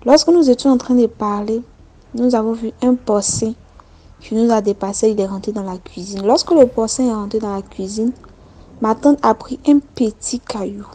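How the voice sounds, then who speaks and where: A woman's voice: fairly high pitch, normal speed, mellow. A woman from Côte d'Ivoire with an Ivorian French accent, telling her own story in a recorded voice message with simple, repeated phrasing. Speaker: story contributor.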